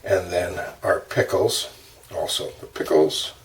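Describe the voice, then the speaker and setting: A man hosting a low-budget cooking show, talking through each step of a recipe in a relaxed, chatty way while he cooks in his kitchen. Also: slow pace. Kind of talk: casual cooking demonstration. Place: home kitchen. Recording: distant mic with kitchen noise.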